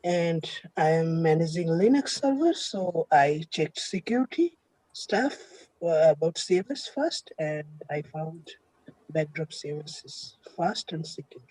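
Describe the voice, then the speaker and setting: Husky-voiced man from Bangladesh. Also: on the high side, expressive, measured pace, darkish tone, dry recording, low-quality recording. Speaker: system administrator. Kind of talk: online meeting introduction.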